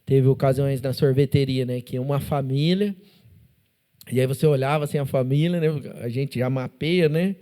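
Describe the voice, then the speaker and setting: A man with a Brazilian Portuguese accent, a podcast guest telling faith stories in a casual, animated way, acting out dialogue and tagging sentences with "né?". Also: mid-range voice, normal speed, clean tone. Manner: animated, acts out dialogue, constant "né?" tags. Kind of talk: casual testimony storytelling. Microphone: studio podcast mic.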